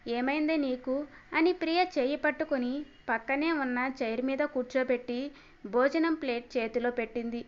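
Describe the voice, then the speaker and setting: A woman storyteller giving a steady, expressive scripted narration of a family story. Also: high-pitched, brisk. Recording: slightly dull lo-fi audio.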